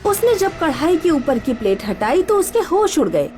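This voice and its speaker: A woman telling a scripted horror story in a lively, expressive way. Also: very high-pitched, moderate pace, faint music behind.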